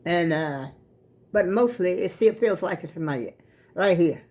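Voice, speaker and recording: An American woman talks casually to her online viewers in a slightly low voice. Her sinuses sound plugged up and congested. She tells things in a folksy, rambling, storytelling manner. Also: expressive, measured pace, dark tone. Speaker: vlogger. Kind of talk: casual chat vlog to viewers.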